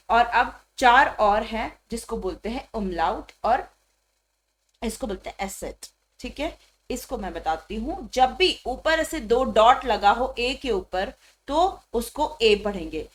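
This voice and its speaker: A woman teaching a beginner language lesson, spelling out letters one by one in a slow, patient way. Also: on the high side.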